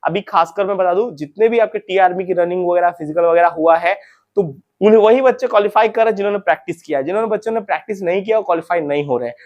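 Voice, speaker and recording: A man's voice: sits high, very fast, darkish tone, highs cut off. A young man hosting an informal advice talk, chatty, repeating points and calling viewers friends and brothers. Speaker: recruitment info channel host.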